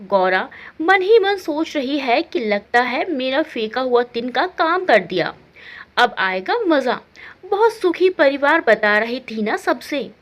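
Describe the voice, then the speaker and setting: A woman's voice: high-pitched, big pitch swings, slow, a bit bright. A woman narrating a family moral story aloud, announcing each speaker's name expressively.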